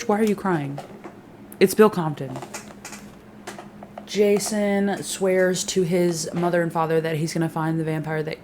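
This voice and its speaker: A young woman with a slightly low voice breezes through a TV season recap, dropping swear words and sarcastic asides. She slips into quick imitations of the characters, with a faint hiss of ambience behind her. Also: darkish tone. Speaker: recap vlogger. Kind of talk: casual, profane TV recap.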